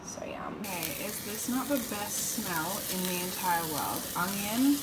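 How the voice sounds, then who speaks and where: A woman's voice: medium pitch, expressive, a little slow, heavy background noise. A young Australian woman chatting casually in a vlog, swearing freely and giggling. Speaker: vlogger.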